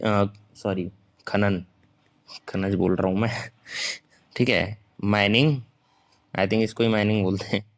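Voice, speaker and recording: Low-voiced young man teaching a class. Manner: mixes Hindi and English, checks in with "theek hai" after nearly every phrase; informal and self-deprecating, corrects his own slips aloud. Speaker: online teacher. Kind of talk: classroom lecture, dictating notes.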